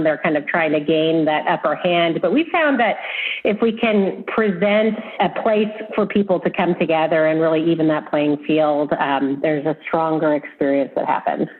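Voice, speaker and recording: A woman game designer talking in a hesitant way with many restarts, heard over a video call. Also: lowish voice. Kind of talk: casual interview talk. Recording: tinny phone-like video call audio.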